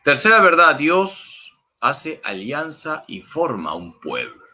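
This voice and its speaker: Bright-voiced priest teaching slowly. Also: male voice, on the high side, wildly swooping pitch. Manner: emphatic and didactic, repeats key points. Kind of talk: Bible teaching talk.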